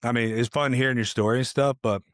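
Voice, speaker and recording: A man's voice: mid-range voice, steady tone, fast talker, no room sound, studio quality. A man hosting a casual interview podcast, laid-back and full of fillers like "you know" and "man.". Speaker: podcast host and coach.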